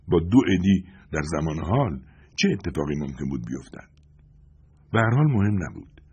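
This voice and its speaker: A man narrating a first-person audiobook in a dramatic, expressive storytelling manner. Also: deep voice, slight background noise.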